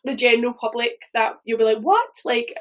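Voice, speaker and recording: A Scottish woman in her thirties chats loosely with her live stream viewers, animated and brisk, her voice sitting a little high. She rambles through asides and swears casually now and then, sounding like she's on a phone or webcam mic.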